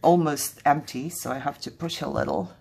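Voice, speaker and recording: Low, darkish and breathy with touches of vocal fry, this woman's voice is very animated at a moderate pace. She hosts a casual crafting vlog in English, having come from Kazakhstan with Russian as her first language, and she chatters jumpily and laughs frequently.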